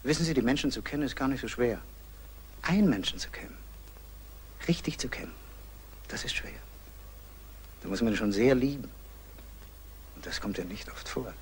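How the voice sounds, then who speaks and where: An actor playing a charming male painter who courts a young woman, with a soft, persuasive manner, in old German film acting. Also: medium pitch, animated, brisk, pauses often, slight background noise, close to an everyday voice.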